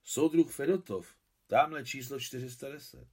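A man's voice: medium pitch, a little mellow, pitched above the performer's own voice, lightly acted. A man reading aloud and voicing an earnest, brooding old war veteran. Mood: musing. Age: older. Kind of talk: audiobook reading.

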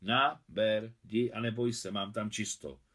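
A man's voice: fairly low pitch, fairly even intonation, a bit bright. A man reading aloud, voicing a kindly old male watchman who talks in a plain, reassuring way.

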